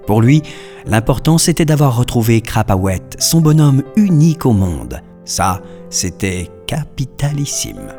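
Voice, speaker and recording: A man narrating a children's story in an expressive, storytelling manner. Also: mid-range voice, a little slow, soft background music.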